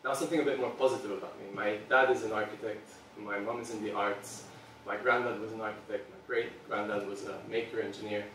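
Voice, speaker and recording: The speaker, a product designer from Serbia in his thirties, rushes through a public talk with barely a pause, though he still drops in plenty of ums. His lowish, fairly bright voice holds a steady tone. Heavy reverb and slight noise come from the meeting room, recorded by a far-off camera.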